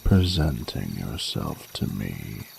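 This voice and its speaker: Heavily acted with big pitch swings, a man's portrayal of a regal, ancient dragon king rumbles exceptionally low, thick with gravelly fry. The scripted romantic roleplay finds him slow, formal and intimate, using archaic courtly phrasing as a teasing, sensual and tender lover. Clear watery sounds and noticeable noise run behind him.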